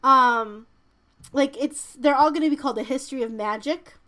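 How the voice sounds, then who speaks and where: A woman's voice: sits high, moderate pace, fairly bright tone. A woman co-hosting a podcast in casual chat, informal and emphatic, sometimes reading out news items. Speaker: podcast co-host.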